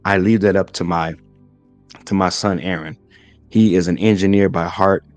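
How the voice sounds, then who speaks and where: A man in his forties with a low, slightly mellow voice speaks at a moderate pace with fairly even intonation, recorded dry over soft background music. He hosts a podcast as a minister, giving a motivational faith talk and often checking in with "right?" while stacking lists in threes.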